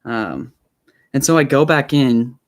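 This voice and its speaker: A man's voice: lowish voice, lively intonation, measured pace, no room sound. Nervous rambling young man on a live stream. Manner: nervous, rambling, many fillers and restarts. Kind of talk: casual solo live stream storytelling. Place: home room set up as a studio. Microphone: small desk microphone.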